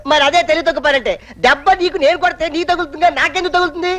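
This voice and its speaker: An actor playing a naive, simple-minded grown man who answers eagerly and asks puzzled questions in a squeaky voice, in a film comedy scene. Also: rapid-fire, bright, forceful tone. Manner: agreeable short replies, puzzled questions.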